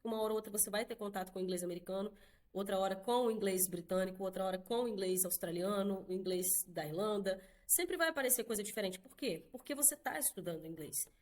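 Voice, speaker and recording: A Brazilian woman teaching an online English lesson in a casual, chatty way, often checking in with quick tag questions. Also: mid-range voice, a little mellow. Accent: Brazilian Portuguese.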